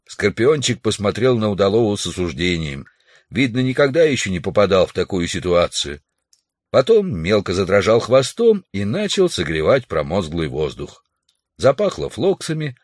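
A man reading a science-fiction audiobook in an expressive, lively storytelling manner. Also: on the low side, no room sound, studio quality. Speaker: audiobook narrator.

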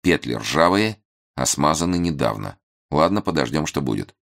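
Man voicing a calm, hushed detective chief. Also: a bass voice, vocal fry, exaggerated voice. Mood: calm, instructive. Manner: quiet, measured, instructive. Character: calm, composed man, a senior police detective.

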